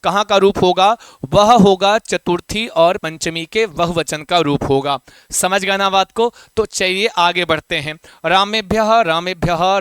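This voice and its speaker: A man's voice: high-pitched, a bit bright, clean tone, no room sound, studio quality. A man teaching Sanskrit grammar for an exam, repeating his own questions to students and chanting word forms in rhythm. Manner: repeats questions to students and calls them "beta". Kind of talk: exam-prep classroom lesson.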